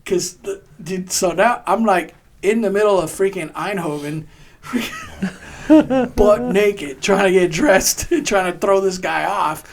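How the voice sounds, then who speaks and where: A man casually telling a rowdy army story on a podcast, swearing often and laughing as he acts out shouted quotes. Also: high voice, takes it slowly, vocal fry. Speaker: podcast co-host, army veteran.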